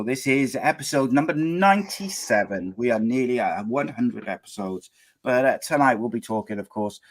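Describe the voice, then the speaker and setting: A man with a mid-range, fairly bright voice hosts a live podcast. He's chatty and loose, full of fillers and restarts as he introduces guests and keeps the show moving.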